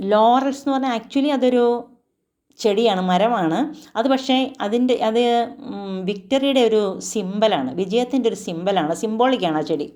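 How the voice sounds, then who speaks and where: A woman with a Malayali accent teaching an English poem. She reads the lines slowly and then explains them in quick, chatty bursts, asking herself questions. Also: on the high side, a little mellow. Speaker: literature teacher.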